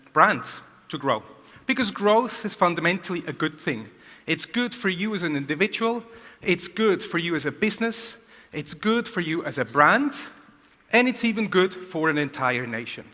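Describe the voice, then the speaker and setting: A keynote speaker gives an energetic conference talk at a moderate pace, his fairly high voice bright and forceful. He keeps asking the audience rhetorical questions, and a long reverb from the large hall trails each phrase.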